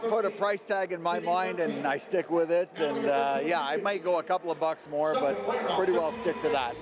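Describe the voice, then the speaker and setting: Male interviewee. Plain, informal, brief phrases, a touch high, surrounded by crowd noise. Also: moderate pace. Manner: short, plain-spoken phrases. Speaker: auction buyer being interviewed. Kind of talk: casual on-the-spot interview answers. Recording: loud crowd around the speaker.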